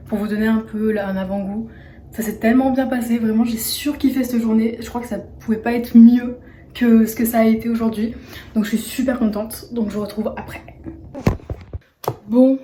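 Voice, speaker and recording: Her voice fairly high yet dark in tone, a teenage girl talks casually in a vlog with a bubbly, chatty manner and plenty of fillers like "euh" and "bah." She has a stuffy nose and is losing her voice, and there's slight background noise.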